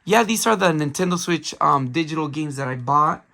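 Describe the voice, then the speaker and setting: Gravelly-voiced man getting over a cold. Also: a little high, lively intonation, normal speed, bright, forceful tone. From Bay Area, California. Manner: rambling, many "um" fillers. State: recovering from a cold, voice worn. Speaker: video game collector vlogger. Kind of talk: casual haul vlog.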